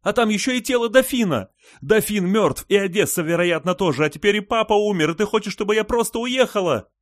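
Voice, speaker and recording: A man's voice: high-pitched, lively intonation, fairly quick, dry recording, studio quality, pitched above the performer's own voice. A man voicing a panicked woman in an audiobook, pleading shrilly and frantically. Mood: frantic.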